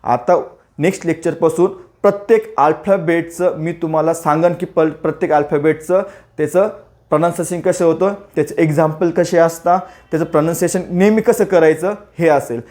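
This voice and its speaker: Brief: male teacher, high voice, drills letter sounds by repeating them slowly for kids. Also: fairly even intonation, darkish tone. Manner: repeats sounds slowly, asks and answers own questions. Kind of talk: phonics lesson for children.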